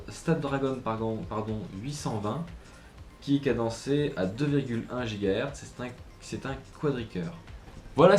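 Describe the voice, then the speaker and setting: Male tech vlogger, lowish voice, hesitant, echoey room with faint music. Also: a little mellow. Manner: hesitant, many fillers and restarts. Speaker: tech reviewer. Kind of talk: casual product review. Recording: roomy echo with faint music.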